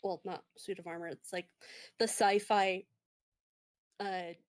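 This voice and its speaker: A woman narrating a tabletop game as game master, halting and full of fillers, laughing often. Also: medium pitch, little pitch movement.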